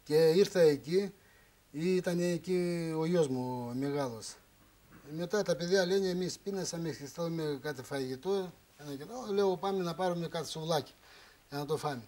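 A high-voiced man appears as a guest on a relationship talk show in a television studio, telling an emotional, rambling story. His tone is mellow, and he speaks broken Greek with repeated phrases.

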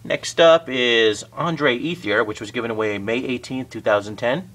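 A man casually narrating a walkthrough of his collection on home shelves, naming items one after another with the odd pause and self-correction. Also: mid-range voice. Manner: steady list-like naming with occasional uh and self-corrections. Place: indoors at home by display shelves.

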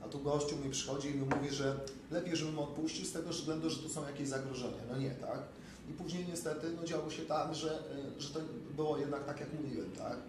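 A man's voice: a little high, steady tone, quick pace. A man in his forties, a trainer and dietitian, chatting casually and filling his talk with asides. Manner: talkative, fills with "wiesz". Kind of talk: casual conversation. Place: bright office room. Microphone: far camera. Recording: echoey room from far off with noise.

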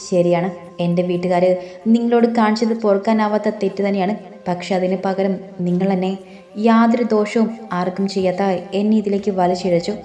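A tearful, pleading young bride from a storybook, wronged and hurt, read by a woman in her own voice. The tone is mellow and soft, heard in a roomy space. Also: mid-range voice, fairly even intonation, a little fast, natural voice.

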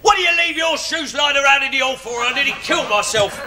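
A grumpy, sarcastic brother-in-law. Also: male voice, extremely high pitch, quick pace, bright, forceful tone, slight background noise, full character voice. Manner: grumbling and sarcastic. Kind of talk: 1970s TV sitcom acting.

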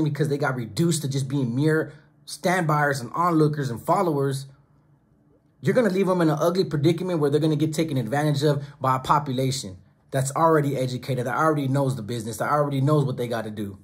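A husky-voiced YouTube channel host with a fairly high pitch preaches directly to the camera, emphatic and repetitive, repeating phrases in lists. He sits at a desk close to the camera in a small home studio with monitors and speakers.

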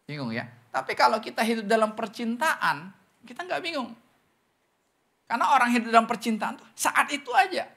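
A man's voice: fairly quick, gravelly. A man preaching a sermon as pastor, talking straight to the congregation and acting out questions in other voices. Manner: animated preaching, often calls the congregation "saudara"; acts out questioners' voices in higher pitch.

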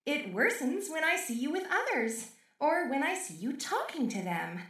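Woman acting a high-voiced, unhinged lovesick robot maid. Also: very animated, normal speed, fairly bright tone, roomy sound, distant mic. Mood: puzzled, uneasy. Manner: unhinged villain sweetness, clingy and menacing. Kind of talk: dramatic audio role-play monologue.

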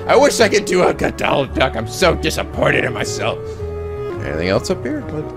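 Playful, very animated high-voiced man gaming. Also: fairly quick, gravelly. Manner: playful, exclamatory, swears freely. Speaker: gaming video host. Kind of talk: casual gameplay commentary. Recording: game music behind commentary.

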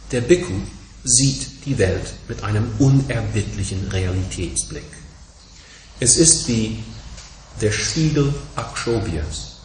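A man giving a dharma talk as a Buddhist teacher, emphatic and measured, driving his points home through insistent repeated contrasts. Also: fairly low pitch, slight background noise. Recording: echoey room.

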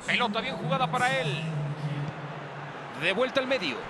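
An energetic male play-by-play announcer in a football video game. His voice is very high, with loud stadium noise behind it. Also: normal speed. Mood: engaged. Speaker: lead play-by-play football commentator.

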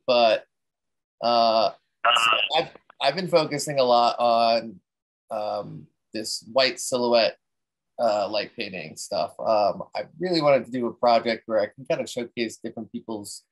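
Relaxed man explaining a photography technique. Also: medium pitch, unhurried, poor audio. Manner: relaxed, rambling, many fillers and restarts. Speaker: presenter at a photography talk. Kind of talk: casual technique talk.

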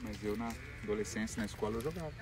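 A man's voice: fairly low pitch, very fast, darkish tone, soft background music. A young man chatting casually to his phone camera outdoors on a country estate, easygoing and teasing. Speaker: vlogger. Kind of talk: casual vlog chat.

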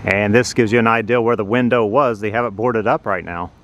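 A man narrating a walking tour outdoors on a city sidewalk, explaining things slowly and plainly as he films with a handheld phone. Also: on the low side, fairly bright tone, slight background noise. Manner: slow, plain, informative. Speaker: vlogger touring a building. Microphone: handheld phone camera.

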